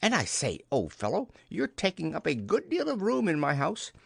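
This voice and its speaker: Storybook rabbit: pitched up, brisk, fussy, proper, matter-of-fact and stern. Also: male voice, huge pitch swings, vocal fry, breathy edge, dry recording, clean studio sound, exaggerated voice. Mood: cheerful.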